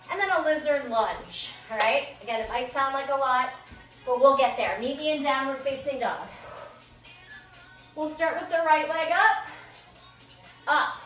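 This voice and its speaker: A woman fitness instructor with a high, slightly bright voice gives short, peppy exercise cues while catching her breath in a small space. It's recorded in an echoey room from a distant mic, with music playing.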